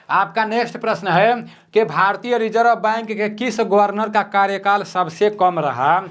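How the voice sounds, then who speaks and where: A young man teaching exam questions at home at night, talking softly and repeating each question. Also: high-pitched. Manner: soft-spoken, repeats each question, frequent "theek hai na". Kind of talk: quiz-style exam lesson.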